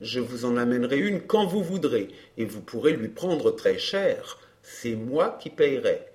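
A man voicing a suave, self-assured wealthy baron who teases and stays smooth. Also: medium pitch, big pitch swings, measured pace, darkish tone. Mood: amused. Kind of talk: audiobook dialogue.

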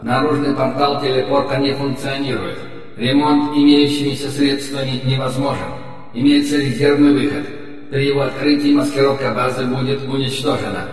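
A man's voice: mid-range voice, steady tone, moderate pace. A man voicing a cold machine base guard that reports formally in clipped phrases, heard as an echoing, distant comms-channel voice. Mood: flat report. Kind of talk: audiobook narration. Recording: echoey hall-like effect, distant, faint music.

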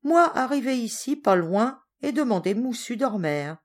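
A woman voicing a big, hearty sailor in his forties who speaks in broken pidgin French, booming and blunt. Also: big pitch swings, measured pace. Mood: loud, storytelling.

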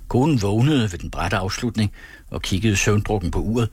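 A man narrating a story in a steady, measured audiobook reading. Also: on the low side, slightly rough, dry recording.

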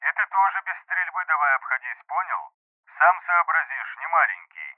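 A man reading an audiobook voices a brisk, coaxing male secret police chief speaking over the telephone. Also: on the high side, very animated, no room sound. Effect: telephone filter. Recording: tinny phone line.

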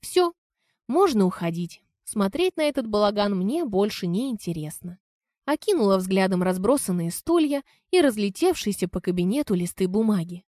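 A woman's voice: medium pitch, lively intonation, moderate pace, mellow, no echo, studio quality. A woman narrating a novel in the first person. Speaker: audiobook narrator. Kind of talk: audiobook narration.

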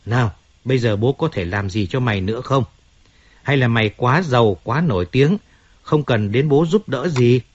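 A cold, commanding older crime boss, as a man reads him out addresses his godson with curt authority. The voice is husky and low-key, with scorn underneath. The storybook recording sounds somewhat dull. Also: animated, normal speed, no room sound, close to an everyday voice. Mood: calm paternal.

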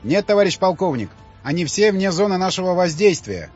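A man voicing male military console operators who report in loud clipped bursts. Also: high voice, very animated, brisk, husky, voice pushed up, full character voice. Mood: urgent. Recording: slightly dull audiobook audio, faint music.

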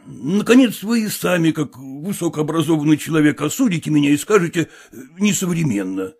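A man's voice: fairly high pitch, big pitch swings, fairly quick, creaky, darkish tone, exaggerated voice. A man voicing an agitated, apologetic middle-aged merchant father who rambles and pleads in a storybook reading. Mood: flustered.

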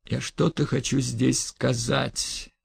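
A man voicing a frail elderly gentleman who pleads in breathless, trembling words. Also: mid-range voice, little pitch movement, slow, creaky, husky, no echo, voice pushed up, full character voice. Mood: pleading.

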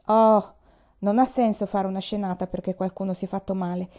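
Woman doing a bold young girl, brisk, dismissive, mellow tone, dull lo-fi sound, storybook. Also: mid-range voice, steady tone, lightly acted.

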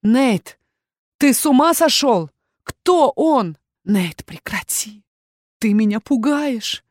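A woman's voice: fairly low pitch, steady tone, measured pace, breathy edge, dry recording. Woman voicing young heroine in danger, pleading and alarmed, storybook read, dry booth. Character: frightened young woman, dragoness shifter. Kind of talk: audiobook character voice.

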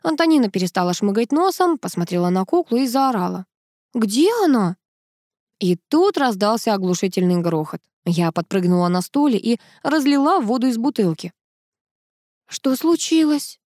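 A woman reading a novel aloud in first person with steady scripted narration. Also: medium pitch, a little fast, few pauses, dry recording, studio quality. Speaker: audiobook narrator.

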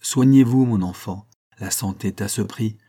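A man's voice: lowish voice, normal speed, warm tone. A man voicing a bossy, fussing older woman who gives orders in an audiobook. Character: Madame Jourdeuil, bossy older woman, gluttonous.

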